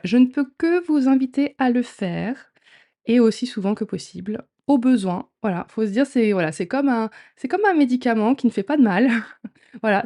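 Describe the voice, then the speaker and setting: A woman's voice: fairly high pitch, mellow. A woman hosting a podcast, explaining things in an informal, upbeat, chatty way. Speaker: podcast host, trainee sophrologist. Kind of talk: casual chat explaining a breathing exercise.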